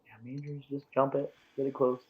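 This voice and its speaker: A man calls a disc golf round in the casual manner of a golf commentator. He is supportive of the players as he follows each shot. The recording is a little dull and lo-fi, and his pitch sits in an ordinary middle range. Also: completely flat delivery, moderate pace.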